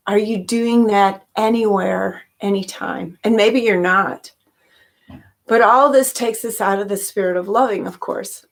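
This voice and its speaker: Older lady leading a meditation, talks real slow and gentle, mid pitch. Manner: slow, gentle and reflective, with soft fillers. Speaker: meditation teacher. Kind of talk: spoken reflection and guided meditation.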